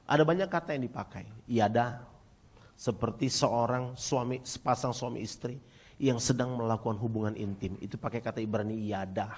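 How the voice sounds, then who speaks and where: A male pastor preaching a sermon, talking straight to the congregation and calling for their replies, swinging from near-shouts down to quiet, low passages. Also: normal speed. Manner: emphatic preaching, rising to near-shouts, then dropping quiet; addresses congregation directly, asks for replies.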